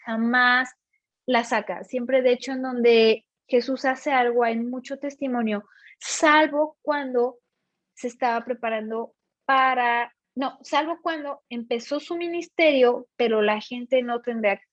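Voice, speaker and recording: A woman with a high voice gives a chatty, informal Bible teaching and keeps checking that her listeners follow. The recording sounds dull and dry. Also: no echo.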